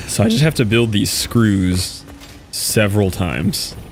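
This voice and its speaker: A young man chats his way through a live game stream in a low, gravelly voice. He rambles in a laid-back way, filling gaps with "like" and "you know." A faint hiss sits under the recording. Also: animated, takes it slowly. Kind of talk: casual live-stream commentary while playing.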